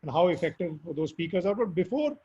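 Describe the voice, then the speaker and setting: A man with a hoarse, squeaky voice from recent illness, answering interview questions earnestly and emphatically. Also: very animated, fast talker, dark tone. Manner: earnest, emphatic advice with fillers. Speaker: guest speaker. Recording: dull lo-fi audio.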